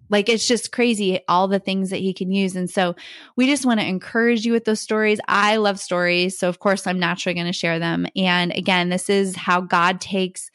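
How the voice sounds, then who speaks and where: A middle-aged woman co-hosting a faith podcast, telling a personal story in a casual, animated way, laughing often and acting out what people said. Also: lowish voice, no room sound, studio quality. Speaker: podcast co-host.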